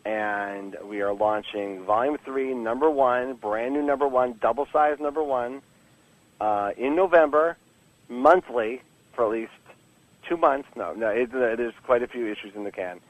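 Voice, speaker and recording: A comic book writer, a man with a mid-range voice, talks a little slowly as a guest on a podcast. He comes across casual and candid, rambling with frequent false starts and a joking streak. The audio is poor.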